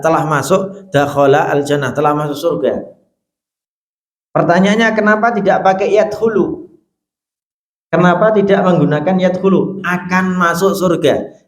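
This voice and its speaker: A man preaching in a mosque with a Javanese Indonesian accent and a middle-pitched voice. He swings from high, pressing questions down to soft, low asides. The hall gives his voice a roomy echo. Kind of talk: mosque sermon.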